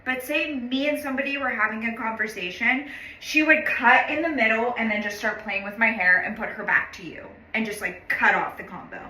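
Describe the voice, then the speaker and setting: A woman's voice: on the high side, brisk, pushed and bright. A woman telling a personal story in a chatty, casual way, full of "like" and swearing, blunt and exasperated about people. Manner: chatty, heavy use of "like", frequent swearing; blunt and exasperated when describing others. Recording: roomy echo.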